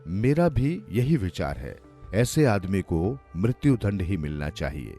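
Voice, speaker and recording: A young prince gives a firm, severe opinion in a cartoon story, voiced by a male narrator. The voice is low and lively, with soft music underneath. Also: unhurried, full character voice. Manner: firm, earnest.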